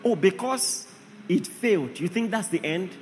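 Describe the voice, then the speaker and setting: A man's voice: sits high, lively intonation, moderate pace, big-room sound, a little hiss or hum. A man preaching a sermon, emphatic, often asking the congregation rhetorical questions.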